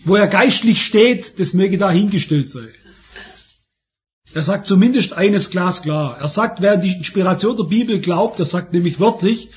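A man's voice: high-pitched, moderate pace. A man preaching a sermon, emphatic and repeating phrases for stress. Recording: dull lo-fi sermon recording.

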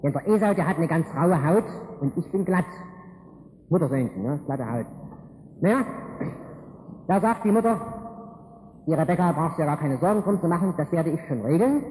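High-voiced preacher in a reverberant hall. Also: male voice, moderate pace, long pauses. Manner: lively, folksy and humorous, with slangy asides. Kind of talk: colloquial storytelling sermon. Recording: reverberant hall with faint ambient noise.

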